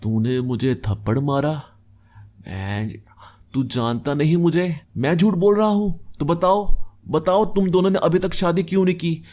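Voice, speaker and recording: A man voicing a drunk male college friend who loudly mocks and accuses two old classmates. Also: medium pitch, steady tone, slow, a little hiss or hum. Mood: heated. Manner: taunting, raised and agitated.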